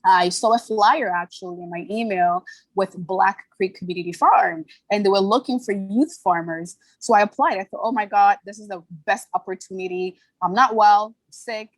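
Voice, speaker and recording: On a dry, low-quality recording, a young podcast guest of medium pitch describes her journey as a brand founder. Born in Ghana and brought up in Toronto, she speaks with earnest openness and laughs easily in this casual interview.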